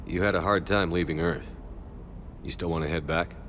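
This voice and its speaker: Commander Shepard, low-voiced and steady. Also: male voice, slight background noise. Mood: calm, probing. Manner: direct, measured, commanding. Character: steady, authoritative male military starship commander. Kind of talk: video game voice acting.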